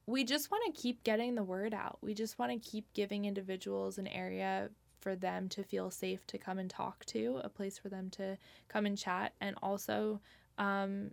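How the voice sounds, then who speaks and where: A woman's voice: mid-range voice, flat delivery, moderate pace, creaky, no echo. A young woman, chatting casually as a guest about community events, full of fillers and "like". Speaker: guest, nonprofit organizer. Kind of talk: casual interview talk.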